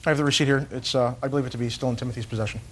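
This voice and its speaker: A man's voice: medium pitch, fairly even intonation, rapid-fire, a bit bright, slight background noise. A man giving testimony as a litigant in a TV court.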